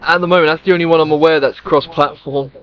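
A man with a slightly high voice talks casually through a video game. He explains things in a plain, matter-of-fact way. The audio is a little dull and lo-fi. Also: steady tone, fast. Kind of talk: casual gameplay chat with a co-player.

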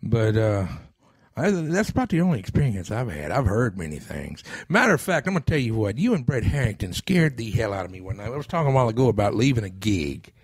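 A man's voice: lowish voice, sing-song, quick pace, husky, dry recording, clean studio sound. A man hosting a podcast, telling a rambling story in casual chat, cursing freely and restarting his sentences. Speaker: podcast host.

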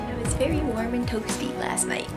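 A woman's voice: fairly high pitch, normal speed, over loud music. A woman in her thirties giving a casual narrated house tour on a handheld camera indoors. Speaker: vlogger. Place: indoors, room under renovation.

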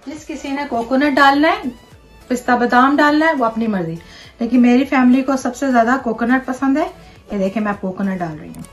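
A woman's voice: high-pitched, a little fast. A woman in her thirties hosting a casual home cooking show, walking viewers through each step in her kitchen. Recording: background music under voice.

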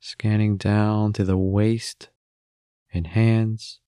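A man guides listeners through a meditation in a lowish, level voice, giving gentle instructions at an unhurried pace with long pauses between phrases. The tone is clean, with no room sound and studio quality.

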